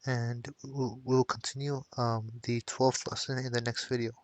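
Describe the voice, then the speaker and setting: A man's voice: mid-range voice, level tone, moderate pace, no room sound. A man teaching a textbook Arabic lesson who reads each Arabic line, translates it, and explains the grammar patiently, often restarting his words. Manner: reads Arabic lines then translates them, with frequent restarts.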